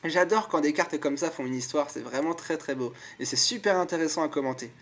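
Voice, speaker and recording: A man's voice: fairly high pitch, brisk, a bit bright. Male host, casual unboxing chat, eager and talkative, commenting card by card. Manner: chatty and enthusiastic, admiring each card aloud. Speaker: YouTube channel host.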